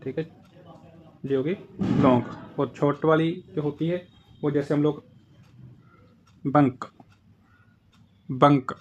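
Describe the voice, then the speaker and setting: Indian man teaching, slightly high voice. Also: darkish tone, muffled recording, slight background noise. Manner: explains patiently, repeats example words. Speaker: German language teacher. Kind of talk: casual spoken lesson.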